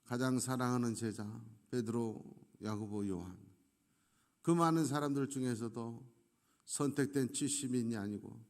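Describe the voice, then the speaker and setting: A middle-aged male pastor giving an earnest sermon, slowing down for emphasis between phrases. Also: medium pitch, darkish tone. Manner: earnest preaching with slow, emphatic pauses. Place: church sanctuary. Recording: echoey church hall.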